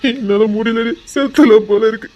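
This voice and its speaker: With an extremely high pitch, a darkish tone, and a normal pace, an actor portrays a guilt-ridden young husband speaking with a Tirunelveli Tamil accent. It's melodramatic web-series acting: he coaxes urgently, anguished, his voice choked with remorse.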